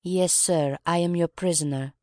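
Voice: medium pitch, fairly even intonation, normal speed, a little mellow, no echo, clean studio sound, close to an everyday voice. A reader voicing Anna, a proud Russian revolutionary woman. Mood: grave. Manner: grave, dignified, intense confession. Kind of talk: audiobook reading.

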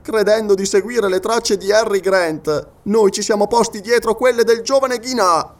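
A man reading aloud and voicing an excitable, theatrical male scholar who declaims his explanations. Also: high voice, normal speed, pitched above the performer's own voice, natural voice. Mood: agitated. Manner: exclamatory, declaiming.

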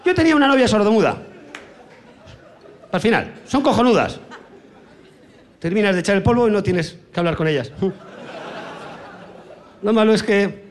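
A man from Spain doing a crude stand-up comedy monologue on stage, with brash punchlines and sudden shouted sound effects. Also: sits high, big pitch swings, normal speed, pauses often, a faint crowd, a little hiss or hum.

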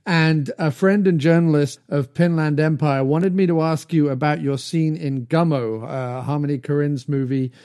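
A male podcast host with a fairly high voice. He asks short questions and reads out listener questions in a casual tone. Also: steady tone, normal speed, hardly any pauses, mellow, clear, resonant tone. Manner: brief prompts and listener questions. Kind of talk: interview questions.

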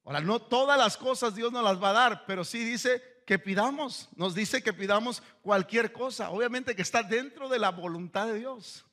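A male pastor delivers a fervent sermon. His voice sits high and rings bright and forceful. He weaves in anecdotes and laughs now and then. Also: moderate pace, few pauses.

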